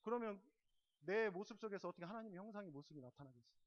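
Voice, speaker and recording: A pastor with a fairly high male voice preaches at a midweek prayer service, heard on a slightly dull, lo-fi church recording. He leans hard into key words, then drops to quiet, confiding asides. He keeps pressing the congregation with repeated questions. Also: animated, fast. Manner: swings from loud emphatic stresses to soft, low asides. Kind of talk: sermon.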